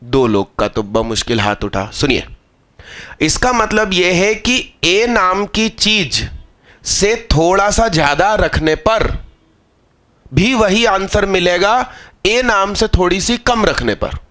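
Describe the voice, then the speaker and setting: A man's voice: sits high, lively intonation, slow pace, a bit bright. A male math teacher giving a live exam-prep lecture, explaining step by step and scolding students into understanding.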